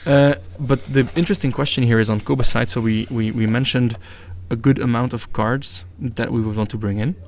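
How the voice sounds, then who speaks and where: A man commentating live on a card game, breaking down plays and joking with his co-hosts. His voice is gravelly with a touch of fry, and there is faint room ambience behind him. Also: mid-range voice, steady tone, a little fast, few pauses, a little mellow, a little hiss or hum. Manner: analytical, chatty and joking. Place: event venue.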